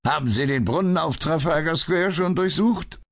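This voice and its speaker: A man's voice: a little high, normal speed, pitched above the performer's own voice, natural voice. Sherlock Holmes, a man voicing a mocking detective. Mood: ironic. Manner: dry, mocking and cool. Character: Sherlock Holmes, sharp ironic male detective. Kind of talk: audiobook character voice.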